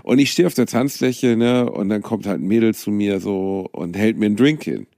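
A man's voice: fairly low pitch, normal speed, vocal fry, dark tone, no echo, studio quality. A man co-hosting a casual comedy podcast, bantering playfully and slipping into exaggerated voices. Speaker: podcast co-host.

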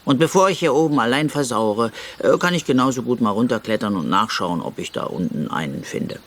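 A man's voice: medium pitch, animated, brisk, close to an everyday voice. A man voicing a shy, hesitant little male creature in a storybook reading. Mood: musing. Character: timid little mountain creature, young male.

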